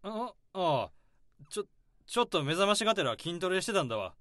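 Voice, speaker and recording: Heavily acted and very animated, a high, sharp male voice moves a little fast through a narrated radio drama about a nervous office drudge hiding something. He alternates flustered dialogue with tense first-person thoughts, recorded dry at studio quality.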